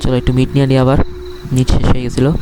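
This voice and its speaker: A man's voice: medium pitch, monotone, very fast, background noise. A man with a Bangladeshi accent giving casual horror game commentary to viewers, talking as a scared, jittery streamer who reacts and questions as he plays. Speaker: gaming streamer.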